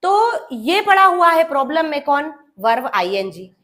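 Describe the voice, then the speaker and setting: A woman's voice: high voice, sing-song, unhurried, bright, forceful tone. A woman teaching English grammar to students. She calls them "beta" and acts out little dialogues between grammar words. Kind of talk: classroom lesson.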